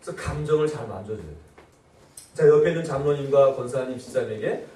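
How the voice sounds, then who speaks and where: A man, a pastor, giving a lively church seminar and acting out nagging quotes in shrill voices. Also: quick pace, roomy sound, distant mic. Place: church hall.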